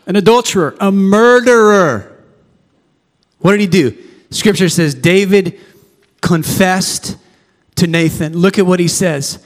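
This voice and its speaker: A male pastor delivers an impassioned sermon, his voice sitting noticeably high. He drives points home by repeating phrases and briefly acting out the figures he preaches about. The sound rings with the long reverb of a church sanctuary. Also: measured pace, long pauses. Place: church sanctuary before a congregation.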